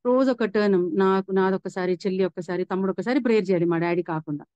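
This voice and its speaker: Woman sharing a faith testimony, quick and earnest, mellow tone, dull dry recording. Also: mid-range voice, clear, resonant tone, no echo. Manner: earnest, reflective, many restarts and fillers. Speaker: speaker giving a personal faith testimony. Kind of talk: personal testimony storytelling.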